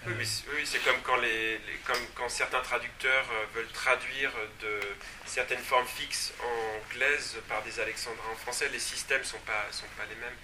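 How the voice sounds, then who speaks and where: A man's voice: mid-range voice, steady tone, moderate pace, few pauses. A man moderating a public talk, explaining points about translation as he thinks aloud. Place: room at a public event. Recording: distant mic, noisy room.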